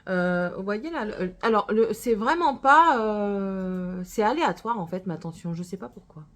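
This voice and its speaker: Her voice is medium in pitch, expressive and measured in pace: a knitting podcaster from northern France, with a bit of Gironde in her accent. She rambles casually to camera about her knitting, often hesitating and correcting herself.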